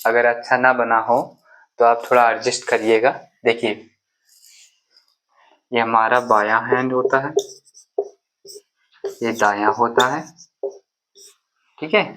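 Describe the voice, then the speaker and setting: A man teaching basic math to young children. He talks patiently and keeps checking that the class is following. He counts aloud slowly, one number at a time. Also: medium pitch, steady tone, pushed and bright, rough recording. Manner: patient, repeats "ठीक है" and "देखिए" often.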